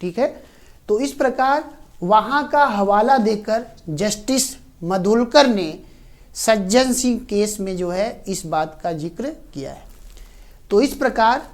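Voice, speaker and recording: A woman teacher giving a classroom lecture, repeating points and often pausing on fillers. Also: mid-range voice, lively intonation. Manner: slow, repetitive, frequent fillers.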